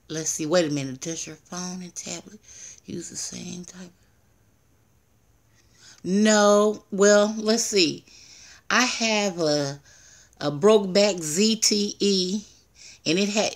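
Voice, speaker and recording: An older woman chatting casually on a live stream at home through her tablet's built-in mic, rambling, greeting viewers and laughing at herself. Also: on the low side. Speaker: livestreamer.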